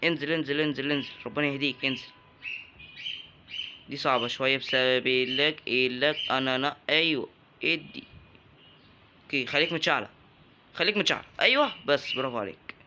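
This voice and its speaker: A man's voice: medium pitch, brisk, long pauses, lo-fi sound, slight background noise. A young man with an Egyptian Arabic accent, commenting casually on a video game he is playing, joking and yelping at enemies. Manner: jokey, bursts into excited yelps at enemies. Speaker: gaming YouTuber. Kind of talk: let's-play commentary.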